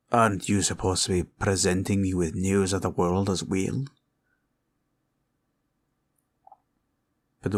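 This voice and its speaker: A man plays a green dragon villain, male, scheming and condescending, in roleplay ASMR, sounding curious and probing. His voice is low, gravelly and husky, heavily acted, moving in a slow, probing drawl.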